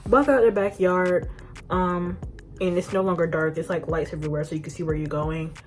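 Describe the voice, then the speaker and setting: A young woman vlogger telling an animated storytime to her phone camera, often laughing at herself. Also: on the low side, fairly quick. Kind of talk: storytime vlog.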